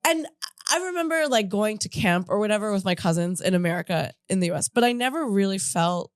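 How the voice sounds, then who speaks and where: A woman's voice: mid-range voice, lively intonation, fast talker, smooth, no room sound, studio quality. A woman in her thirties who grew up in Japan, a comedian guest telling stories in a rambling, self-interrupting way with frequent laughs. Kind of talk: casual podcast conversation. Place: in-studio podcast.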